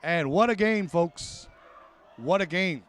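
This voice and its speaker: Excitable man calling live football. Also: high voice, takes it slowly, slight background noise. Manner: excitable, corrects himself mid-call. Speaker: play-by-play commentator.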